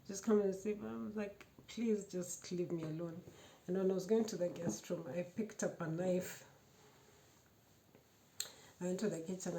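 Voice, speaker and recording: A woman giving a personal testimony, telling her story in a lively way, laughing often and acting out the quoted dialogue. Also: on the low side, vocal fry, a little hiss or hum. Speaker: testimony speaker.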